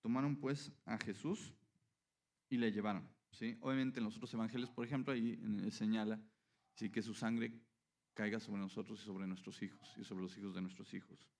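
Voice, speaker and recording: A man's voice: lowish voice, steady tone, normal speed, a little mellow. A man preaching a sermon, explaining scripture and often checking in with listeners. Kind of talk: sermon teaching.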